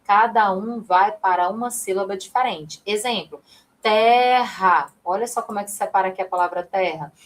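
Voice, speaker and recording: A young Brazilian woman teaches a live online class, chatty and upbeat. She speaks at a middle pitch and calls on students by name between explanations. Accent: Brazilian Portuguese. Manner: chatty, reads chat, addresses students by name.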